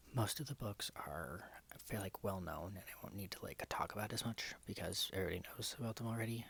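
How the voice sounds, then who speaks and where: A camera-shy man at home talking quietly in a whispered ASMR-style book vlog, rambling and correcting himself as he goes. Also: low-pitched, creaky, a little hiss or hum. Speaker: book vlogger. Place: home, indoors. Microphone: desk microphone in front of a camera.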